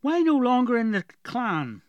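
A man's voice: extremely high pitch, very animated, measured pace, clean tone, no room sound, muffled recording, pitched above the performer's own voice, exaggerated voice. A man voicing a curious, guarded young male assistant who speaks in a questioning, hesitant way.

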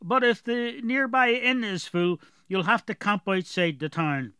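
A man's voice: sits high, fairly even intonation, a little slow, pushed and bright, smooth, no room sound, studio quality, pitched above the performer's own voice. A man voicing a brusque, officious male town gate guard. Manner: curt, officious.

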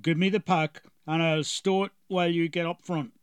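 A man's voice: fairly high pitch, fairly even intonation, moderate pace, smooth, no room sound, natural voice. A man voicing a friendly, shrewd male cart driver with an easygoing, businesslike manner.

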